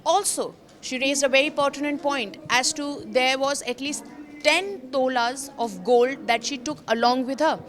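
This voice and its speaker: A woman with an Indian accent delivers a semi-scripted news explainer in the role of a reporter. Her voice is high and a little bright, and she takes her time, speaking with emphasis and repeating phrases to drive points home.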